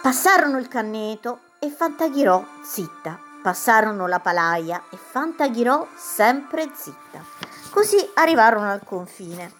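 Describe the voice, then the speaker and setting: A woman reading a fairy tale aloud as a storyteller, expressive, with dramatic pauses. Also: on the high side, faint music behind.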